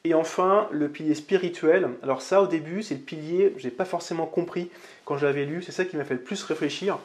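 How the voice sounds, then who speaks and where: A man with a voice pitched a little above the usual, talking casually to camera on his own channel. He is chatty and upbeat and speaks straight to the viewer as if to a friend. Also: fairly quick. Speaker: channel host reviewing books. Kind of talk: casual vlog talk to camera.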